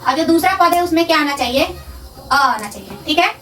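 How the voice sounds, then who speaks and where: High-voiced woman teaching, distant mic. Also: lively intonation, fairly bright tone. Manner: asks questions and answers them herself; repeats terms slowly and syllable by syllable. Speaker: Sanskrit grammar teacher. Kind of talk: classroom-style lesson.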